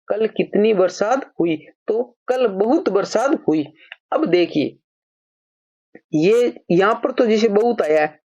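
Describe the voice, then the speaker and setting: A woman teaching a grammar lesson, asking each point as a question, answering it, and reading example sentences slowly. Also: medium pitch, dark tone, lo-fi sound. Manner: reads example sentences slowly, addresses viewers as brother.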